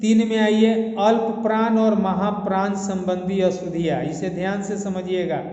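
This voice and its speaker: A man's voice: high-pitched, level tone, moderate pace, mellow. A male teacher giving a grammar lesson, methodically spelling words out letter by letter and contrasting wrong and right forms. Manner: repeats instructions to study and memorize. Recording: echoey room with long reverb, dull lo-fi sound.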